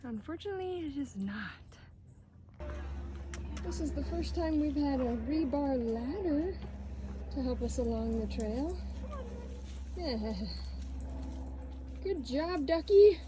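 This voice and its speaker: Chatty high-voiced woman vlogging outdoors. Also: expressive, takes it slowly, pauses often. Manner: chatty, upbeat, laughs often. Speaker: family hiking vlogger. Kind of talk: casual trail vlog narration. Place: outdoors on a hiking trail. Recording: noisy outdoor recording.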